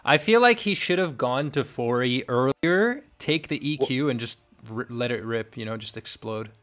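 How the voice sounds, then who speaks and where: Soft-spoken young man hosting a gaming podcast. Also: mid-range voice, expressive, moderate pace. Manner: soft-spoken, hesitant, trailing off. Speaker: podcast host. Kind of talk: casual gaming commentary.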